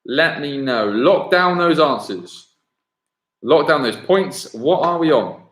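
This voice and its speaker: Chatty quiz host, roomy echo. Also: male voice, a little high, lively intonation, slow pace, fairly bright tone. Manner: chatty, self-correcting, thinks aloud between questions. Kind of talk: live-streamed pub-style quiz hosting. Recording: echoey room.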